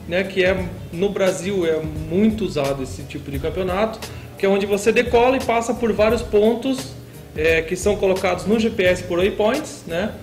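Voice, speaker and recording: Young Brazilian man, high voice, echoey room. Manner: relaxed, explains with many "né" tags. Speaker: paragliding competitor. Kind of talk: interview answers. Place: indoor shop room with shelves.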